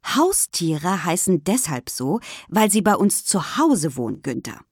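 A woman voicing a kind, patient female schoolteacher speaking gently to children. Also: lowish voice, big pitch swings, unhurried, breathy edge, no echo, studio quality, exaggerated voice. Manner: gentle, indulgent.

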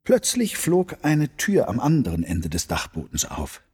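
Man reading a kids story, slow n lively, lowish voice. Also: breathy edge. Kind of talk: reading a children's story aloud.

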